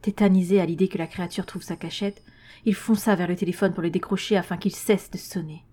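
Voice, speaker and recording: A woman narrating a tense horror story in a measured reading voice. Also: on the low side, fairly even intonation, mellow.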